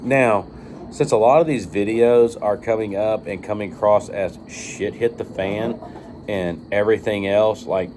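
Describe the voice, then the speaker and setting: A man's voice: on the low side, unhurried, noisy background. A man talking casually off the cuff to viewers as a video reviewer, rambling and informal with some swearing. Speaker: video reviewer of firearm optics. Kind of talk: casual unscripted monologue to viewers.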